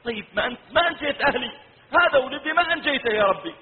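A man's voice: very high voice, expressive, racing, voice pushed up. A man preaching voices a grieving elderly prophet who pleads earnestly for his drowned son, heard through a tinny recording in a reverberant hall. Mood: pleading.

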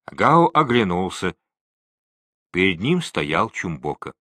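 A man reading a novel aloud as audiobook narrator, slow and expressive. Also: low-pitched, no echo, clean studio sound. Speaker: audiobook reader.

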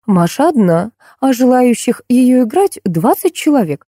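A woman's voice: on the high side, very animated, a little slow, dark tone, no echo, clean studio sound, pitched above the performer's own voice. A woman doing a gushing kindergarten teacher. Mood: explaining. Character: fussing kindergarten teacher, middle-aged woman.

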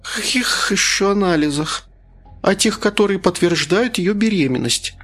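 A man voicing a drugged, half-conscious nurse who speaks hoarse and slurred, slowly coming round. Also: medium pitch, animated, fairly bright tone, pitched above the performer's own voice. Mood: weak.

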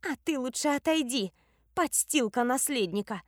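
A woman's voice: high voice, animated, a little fast, no echo, studio quality, pitched above the performer's own voice. A woman voicing a small, jealous, spiteful young woman from a sect, hissing and snapping in an audiobook. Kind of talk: audiobook character voice.

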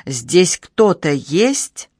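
A woman's voice: lowish voice, sing-song, extremely slow, mellow, husky, no room sound, studio quality, full character voice. A woman doing a commanding séance medium. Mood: solemn. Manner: insistent, commanding.

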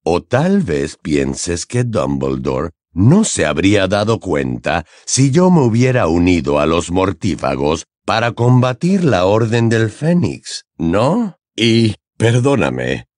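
A man voicing a calm, calculating, sardonic man in an audiobook, speaking slow, low and measured. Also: no echo, clean studio sound, heavily acted. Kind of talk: audiobook character voice.

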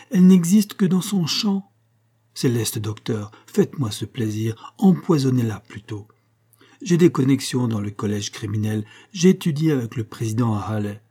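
A man voicing an aging male chapel master, excitable and theatrical, swinging between pleading and outrage. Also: mid-range voice, slightly rough, natural voice. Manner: anguished, pleading outbursts.

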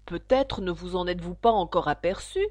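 A woman's voice: on the low side, lively intonation, fairly quick, a little mellow, no room sound. A woman voicing a polite, earnest and slightly confused young girl in a storybook. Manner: polite, earnest, a little flustered.

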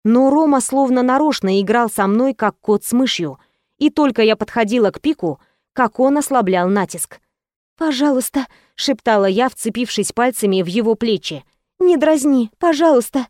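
A woman with a fairly high voice narrates a first-person romance audiobook. She reads softly and intimately and colors each scene with expression. The recording is close and dry, with no room sound. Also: normal speed, no room sound. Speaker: audiobook reader.

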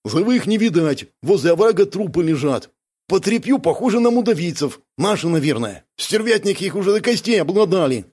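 A put-upon male soldier whose voice climbs high and loud as he whines and complains, played by a man reading an audiobook. He sounds forever close to tears. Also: very animated, fairly quick, husky, full character voice. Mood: whiny. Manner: whining, complaining, near tears. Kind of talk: audiobook character voice.

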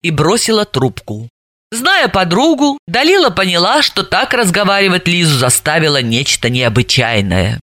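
A woman narrating an audiobook in an expressive, lively reading. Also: on the low side, normal speed, no echo, studio quality. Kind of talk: scripted narration.

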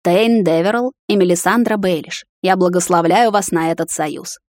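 A woman voicing a hoarse, solemn old king in an audiobook, formal in tone. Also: on the low side, moderate pace, darkish tone, no room sound, lightly acted.

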